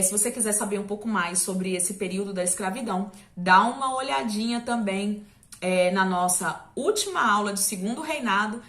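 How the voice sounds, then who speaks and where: A woman's voice: mid-range voice, fairly bright tone. A woman from Brazil teaching a recorded history lesson in a chatty, conversational way, checking in with students often and slipping in small jokes. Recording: echoey room.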